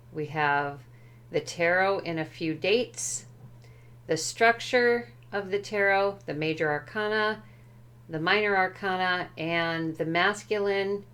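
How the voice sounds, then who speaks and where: A woman's voice: fairly low pitch, fairly bright tone. A woman walking through a tarot deck and its book at home, speaking carefully and tentatively, often unsure how a word translates. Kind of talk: unhurried show-and-tell walkthrough.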